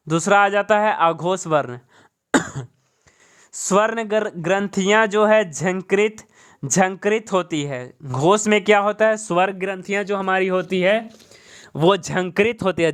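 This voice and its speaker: A man's voice: high voice, fairly bright tone, smooth. A man teaching an exam-prep grammar lesson, who repeats each point, asks questions and answers them himself, and keeps saying "okay" as a check-in.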